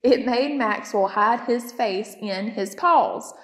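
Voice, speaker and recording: A woman's voice: on the high side, takes it slowly. A woman reading a children's picture book aloud as a storytime narrator. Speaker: storytime reader.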